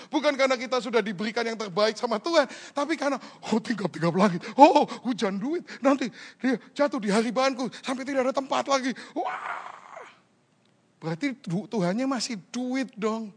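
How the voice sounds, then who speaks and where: High-voiced preacher, teasing and humorous. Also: male voice, expressive, a little fast, slightly rough. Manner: mixes English phrases into Indonesian speech; humorous, teasing, with rhetorical questions. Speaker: pastor. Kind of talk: sermon.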